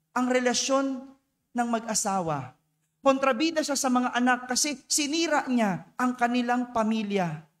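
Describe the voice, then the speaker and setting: A Filipino priest giving a Mass homily with playful, teasing rhetorical questions. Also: male voice, high voice. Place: church. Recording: long church reverb.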